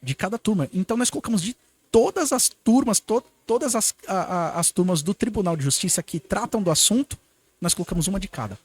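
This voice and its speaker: Brazilian guy, lawyer on a podcast, kinda high husky voice, acts out quotes in his stories. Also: fairly quick. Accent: Brazilian Portuguese. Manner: animated, acts out quoted dialogue. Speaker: lawyer guest. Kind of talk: casual podcast storytelling.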